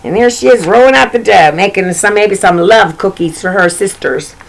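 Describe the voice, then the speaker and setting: Her medium-pitched voice carries vocal fry as she reads a picture book to children at a moderate pace, addressing the little listeners directly with asides and repeated phrases. The recording quality is low.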